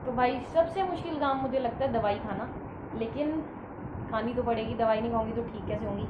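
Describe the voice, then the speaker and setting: A woman's voice: on the high side, a little fast. A sick woman with a fever, chatting casually to the camera at home and addressing her viewers directly. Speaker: vlogger. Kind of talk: casual vlog chat to camera. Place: at home, indoors. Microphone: camera set in front of her. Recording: echoey room, dull and noisy.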